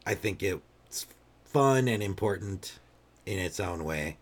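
A man's voice: deep voice, animated, slow. A man co-hosting a casual podcast chat, hesitant and full of um and like fillers.

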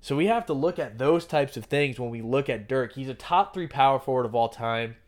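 A man at a middle pitch, holding forth in a loose, conversational podcast style. He is opinionated and often breaks off to restart his sentences. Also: a little fast. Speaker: podcast host. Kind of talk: casual basketball talk.

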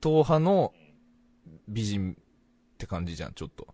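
Young man, Hakata accent, casual co-host chat, voice leaps all over in pitch, loud bursts dropping to mumbles. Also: unhurried. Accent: Hakata dialect. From Fukuoka, Japan. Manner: animated, swings between loud bursts and mumbled asides.

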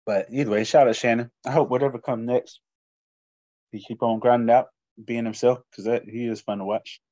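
A relaxed man chatting about sports in easy slang, asking his co-host what he thinks. The recording sounds a little dull and lo-fi. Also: medium pitch, fairly quick. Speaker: podcast co-host. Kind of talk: casual sports chat.

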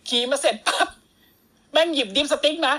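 A woman co-hosting a wrestling podcast, rattling off a match recap at a quick clip. Her voice sits a little high, and she is loose and profane, jumping into the wrestlers' lines as she tells the story. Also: fairly bright tone. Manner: fast, crude slang-filled storytelling, acting out wrestlers' lines. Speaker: podcast co-host. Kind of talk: casual wrestling recap chat.

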